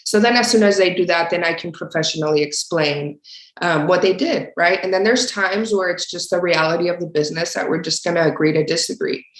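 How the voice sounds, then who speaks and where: A woman's voice: fairly low pitch, a little fast. A young woman from Mexico, a referee answering interview questions in an earnest, casual way with frequent fillers. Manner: earnest, many fillers, speaks up on key points. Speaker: guest, basketball referee. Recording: roomy echo.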